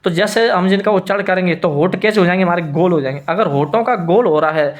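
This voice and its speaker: A man's voice: sits high, fast talker. A man teaching a Hindi grammar lesson who keeps repeating his points and answers his own questions. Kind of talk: classroom lesson explanation.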